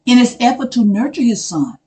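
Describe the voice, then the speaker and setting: A man giving casual spoken commentary. He talks in an earnest, measured way, keeps asking rhetorical questions, repeats phrases for emphasis and addresses people directly. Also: very high voice, sing-song, a little mellow, poor audio. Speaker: video commentator.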